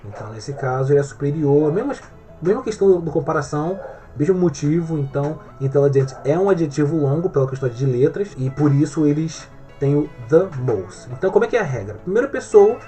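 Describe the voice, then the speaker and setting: A man's voice: fairly high pitch, animated, fast, mellow, soft background music. A male English teacher giving an online grammar lesson in Portuguese, explaining step by step and often checking that the viewer is following.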